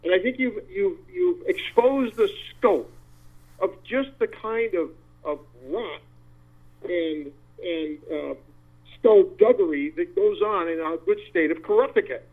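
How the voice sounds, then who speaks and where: A man's voice: high voice, expressive, measured pace. A man calling in to a talk show, his voice coming through as a tinny phone line, explaining in a rambling, folksy way. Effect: tinny phone line sound. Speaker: caller.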